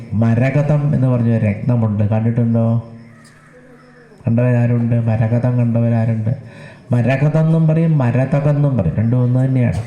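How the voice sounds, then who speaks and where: A man giving a devotional discourse at a temple. He asks his listeners questions and answers them himself, chants verses slowly and repeats words for emphasis. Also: mid-range voice, mellow. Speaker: religious discourse speaker. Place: temple gathering. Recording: echoey temple hall.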